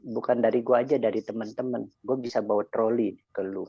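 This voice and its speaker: A man's voice: on the low side, fairly even intonation, a little fast, creaky, dark tone, slightly rough, dry recording, muffled recording. A man speaking in a motivational sharing session, telling a story with casual slang and acting out both sides of a conversation. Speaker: insurance agent sharing experience.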